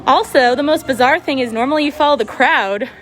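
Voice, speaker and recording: Female vlogger, slightly high voice, casual chatty walk-along delivery aimed at viewers. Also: fairly quick, fairly bright tone, a little hiss or hum. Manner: chatty, amazed, addresses viewers as guys. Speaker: vlogger and podcast host. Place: outdoors in a theme park queue.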